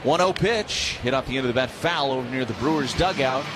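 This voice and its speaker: An American man does live radio play-by-play of a baseball game from a stadium broadcast booth, speaking at a fairly quick clip in a medium-pitched voice. Crowd noise and ballpark ambience come through clearly behind him.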